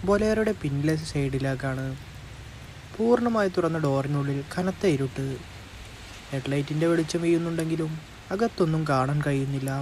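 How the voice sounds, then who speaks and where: A man narrating a first-person horror story in a slow, suspenseful, dramatic manner. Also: a little high, darkish tone, slight background noise, rough recording.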